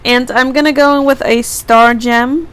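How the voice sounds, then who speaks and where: A woman's voice: high voice, fairly even intonation, a little slow, fairly bright tone, clean tone. A teenage girl vlogger casually narrating each step of a beauty tutorial. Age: teens.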